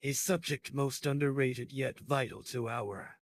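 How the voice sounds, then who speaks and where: Synthetic man doing a pompous chatbot, theatrical, archaic phrasing, ordinary pitch. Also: measured pace, dry recording, natural voice. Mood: grandiose. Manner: ornate, archaic, lecturing speech. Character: pompous flowery male chatbot, grandiose and theatrical.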